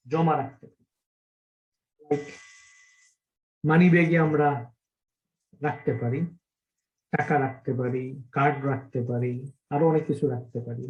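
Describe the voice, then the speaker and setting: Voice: mid-range voice, a little mellow, muffled recording. A programming teacher giving an online class lesson, explaining by stringing several synonyms together and often checking in with the class. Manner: asks the class frequent check questions.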